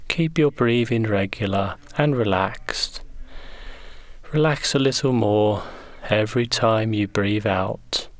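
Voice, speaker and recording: A man leading a guided progressive muscle relaxation in slow, gentle, soothing instructions. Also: lowish voice, no room sound.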